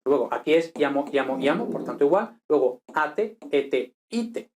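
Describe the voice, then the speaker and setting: Man from lecturing on grammar, slightly high pitch, explanatory, keeps checking in with listeners. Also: lively intonation, normal speed, a little mellow. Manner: explanatory, checks in with frequent "¿vale?". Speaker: Italian grammar teacher. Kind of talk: lecture over slides.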